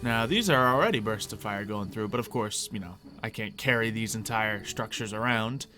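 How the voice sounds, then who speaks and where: A gaming video host with a lowish, pushed and bright voice gives playful, chatty, theatrical commentary over gameplay at a moderate pace, often interrupting himself. Music plays behind his voice.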